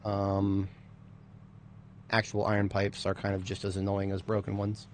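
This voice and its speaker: A man's voice: lowish voice, monotone, measured pace, slight background noise. A man giving casual, rambling commentary on a game as a streamer, with playful, self-mocking remarks. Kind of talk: casual let's-play commentary.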